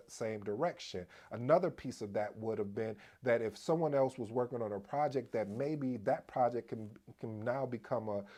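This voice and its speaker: A man hosting a casual explainer video on project management, addressing viewers as family, energetic and prone to restarts. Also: medium pitch. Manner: restarts and repeats himself as he talks. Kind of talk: casual explainer talk to camera.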